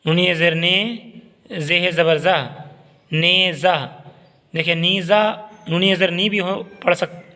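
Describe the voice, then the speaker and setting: Man slowly spelling out Urdu words, reverberant. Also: high-pitched, little pitch movement, bright, forceful tone. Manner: slow, syllable-by-syllable recitation with brief explanations. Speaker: Urdu teacher. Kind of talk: spelling-out reading lesson.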